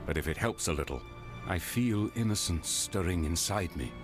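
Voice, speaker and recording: A formal, wry man of faith in a video game who carries a strange spirit inside him. His voice is very low, and his speech is theatrical. Clear game music plays behind him. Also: animated, moderate pace.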